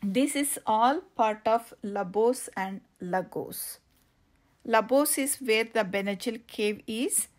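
Slow, halting woman vlogger. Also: on the high side. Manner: slow, halting with many fillers and restarts. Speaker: travel vlogger. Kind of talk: casual travel vlog narration. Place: outdoors on coastal cliffs.

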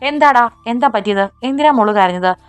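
A woman's voice: a little high, animated, a little fast, clean tone, no echo, faint music behind, voice pushed up, natural voice. A woman doing a protective older brother. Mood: concerned. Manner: caring, playful.

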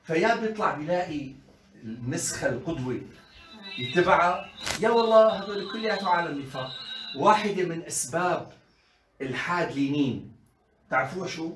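A man giving an animated colloquial lecture on parenting to mothers, full of rhetorical questions and acted-out quotes. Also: fairly high pitch, brisk, long pauses, slight background noise. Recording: echoey room, voice from a distance.

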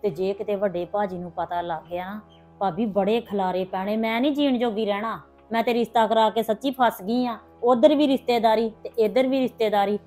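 In this hobby family drama vlog set in a village, a middle-aged woman plays a worried mother visiting her sister-in-law and pleading for help. She speaks a little fast in a warm, natural medium-pitched voice with a steady tone, while faint music plays behind her.

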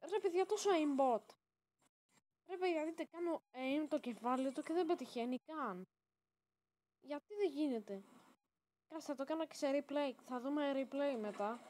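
A woman commenting casually on her own game as she plays, excitable and prone to sudden shouted exclamations. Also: high-pitched, long pauses. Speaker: gaming channel host.

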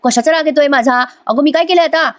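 Woman doing a middle-aged husband from a soap recap, teasing and defensive, coaxing questions, pitched up. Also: quick pace, lightly acted.

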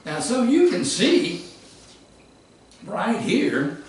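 Slow, high-voiced preacher in an echoey hall. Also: male voice, huge pitch swings, far from the mic, a little hiss or hum. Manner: emphatic, rising to shouts and dropping low. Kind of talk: sermon.

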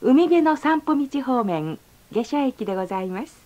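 A woman reading a polite, formal onboard train announcement, slowing down to stretch out each station name. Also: high-pitched, sing-song, mellow. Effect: recorded onboard train announcement. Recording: slightly dull lo-fi sound.

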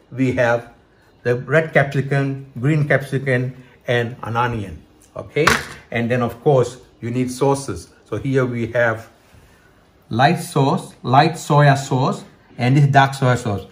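A middle-aged man from Hong Kong hosts a home cooking demonstration in his kitchen, speaking slowly in a mid-range voice. He explains each step, checking in with "okay" and "right", and a handheld camera is close by.

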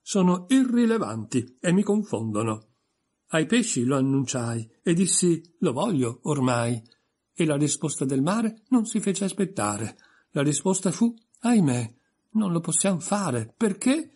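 A man's voice: on the high side, big pitch swings, unhurried, a little mellow, slightly rough, voice pushed up, exaggerated voice. A man reading an audiobook voices a pompous, stern egg creature reciting verse.

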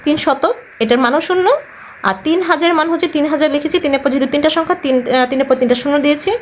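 A woman's voice: high voice, quick pace, slight background noise. A woman teaching children a math lesson step by step, patiently repeating each point and asking questions before answering them herself.

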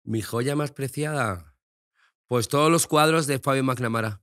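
A man's voice: medium pitch, unhurried, no room sound, studio quality. Frank, outspoken middle-aged man. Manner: frank, expressive, swears freely. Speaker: interview guest. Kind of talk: casual interview chat.

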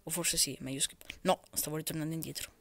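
A man's voice: a little high, fairly even intonation, fast talker, vocal fry, fairly bright tone. A young man with an Italian accent giving casual, emphatic, exclamatory gameplay commentary full of slangy complaining. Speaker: gamer recording gameplay for videos. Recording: very noisy mobile screen recording with clicks.

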